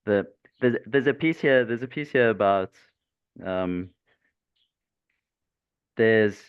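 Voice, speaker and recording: A male interview host speaks from a video call. His voice is low and smooth, and he searches haltingly for his words. The audio is dry and narrow, like a phone line. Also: no echo. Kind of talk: conversational interview.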